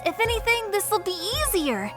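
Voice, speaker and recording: Woman doing a high lively young assistant girl, brisk and upbeat. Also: music in the background. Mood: encouraging.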